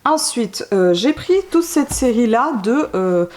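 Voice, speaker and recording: A woman's voice: on the high side, expressive, unhurried, a little mellow. A woman vlogger showing her newly bought books in a casual, hesitant way, with many fillers and restarts. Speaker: book vlogger. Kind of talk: casual book haul talk.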